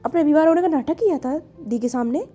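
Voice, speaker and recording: A woman playing an excitable, cheeky younger sister. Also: high voice, fast, soft background music, pitched above the performer's own voice, natural voice. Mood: amazed. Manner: lively, teasing, loud exclamations.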